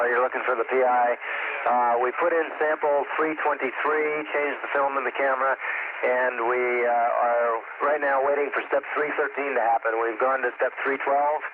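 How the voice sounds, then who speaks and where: Man, two-way radio transmission, narrow tinny sound, heavy static hiss, clipped radio procedure, signs off with over. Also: medium pitch. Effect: heard over a two-way radio link. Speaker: Spacelab crew member. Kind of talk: mission radio exchange. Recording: tinny, noisy space-to-ground radio.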